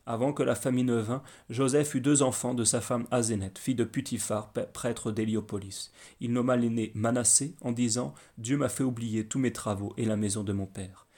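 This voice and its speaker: Male scripture reader, mid voice, measured storybook narration. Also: mid-range voice, steady tone, a little mellow. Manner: measured reading with small slips and restarts. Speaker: Bible reader.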